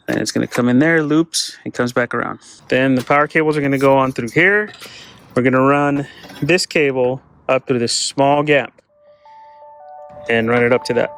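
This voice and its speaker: Music runs behind a middle-aged off-road install channel host as he chats crudely and informally during hands-on work. His mid-range voice is gravelly and a bit bright.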